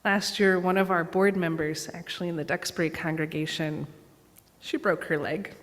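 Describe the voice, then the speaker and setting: A woman giving a sermon as guest preacher, telling stories and acting out dialogue in an animated way. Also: on the low side, moderate pace. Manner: animated storyteller, acts out dialogue. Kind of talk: sermon with storytelling. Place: church sanctuary. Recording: long church reverb.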